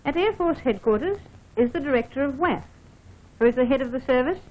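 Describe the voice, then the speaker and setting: Speaking briskly in a high, slightly mellow voice with lively intonation, an Australian woman officer reads scripted training film narration. She formally instructs the listener directly, and the sound is dull and band-limited, like a vintage film soundtrack.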